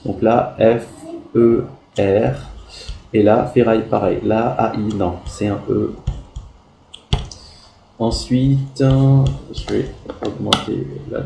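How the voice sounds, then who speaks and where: A man's voice: on the low side, fairly even intonation, takes it slowly, vocal fry, long pauses, mellow, echoey room, a little hiss or hum, low-quality recording. A man teaching a primary class, going over pupils' spelling work and spelling words out letter by letter.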